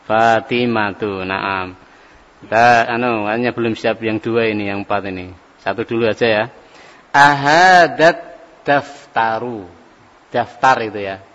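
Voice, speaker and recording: A man leads an Arabic grammar class, stretching each phrase out slowly as he drills it. The recording is muffled and lo-fi. His voice trails off into a long hall reverb. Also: on the low side, steady tone, a bit bright. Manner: slow, drawn-out drilling of phrases. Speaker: Arabic teacher.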